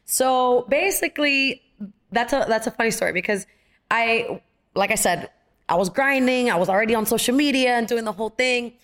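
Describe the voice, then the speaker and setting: Speaking at a normal speed with a fairly high pitch, a young actress in her adult years swaps stories in a casual interview as a guest. She's lively, leans on plenty of fillers, and acts out the quoted lines of others.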